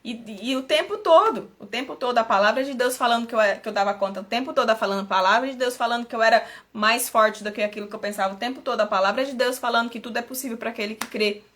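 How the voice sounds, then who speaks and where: Earnest high-voiced woman. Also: quick pace, few pauses, fairly bright tone. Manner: earnest, personal, repeats herself, restarts phrases. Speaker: mentor hosting a live stream. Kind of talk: motivational live-stream talk.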